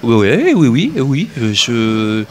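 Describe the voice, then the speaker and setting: A middle-aged actor from northern France, speaking mostly standard French with slight northern traces, talking in a relaxed interview with many restarts and fillers. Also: male voice, mid-range voice, takes it slowly.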